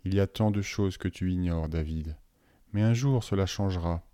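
A man voicing a cold, sinister male deputy headmaster who speaks slowly, softly and with menace. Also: deep voice, no echo, studio quality, natural voice. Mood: menacing. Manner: slow, soft and menacing.

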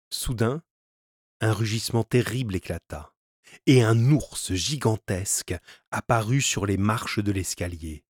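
A man reading a classic adventure novel aloud as an audiobook narrator, in a measured, dramatic way. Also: fairly low pitch, darkish tone, no room sound, studio quality.

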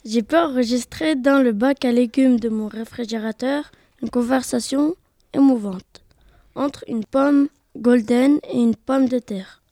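A woman's voice: fairly high pitch, measured pace, dark tone, dry recording, studio quality. A woman narrating a short comic story in an earnest, plain read-aloud manner for an amateur web radio piece.

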